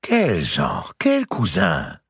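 A man's voice: sits low, wildly swooping pitch, very slow, creaky, fairly bright tone, slightly rough, no room sound, voice pushed up, heavily acted. A man voicing a wry older banker uncle, dry and cynically amused, in a storybook reading.

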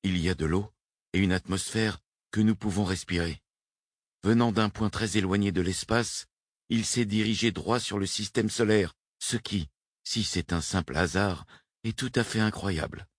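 A man reading the lines of a devout male cosmonaut, earnest and steady in his conviction. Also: fairly low pitch, normal speed, no echo, clean studio sound, natural voice.

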